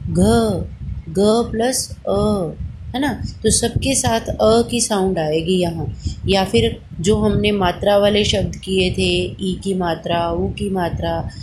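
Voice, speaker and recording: Woman, Indian Hindi accent, school teacher, slow and patient, spells out sounds, noisy home recording. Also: mid-range voice. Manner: patient, drawn-out spelling of sounds, asks and answers her own questions. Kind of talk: online class lesson.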